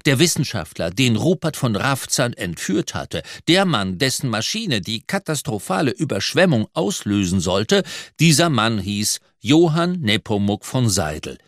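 A man narrating a children's audiobook in a lively, expressive way. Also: mid-range voice, measured pace, hardly any pauses, dry recording, clean studio sound.

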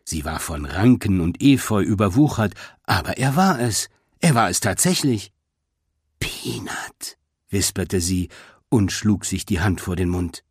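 Casting: male storybook narrator, low and husky, lively delivery, dry close sound. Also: normal speed, dry recording. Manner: expressive storytelling. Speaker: audiobook narrator.

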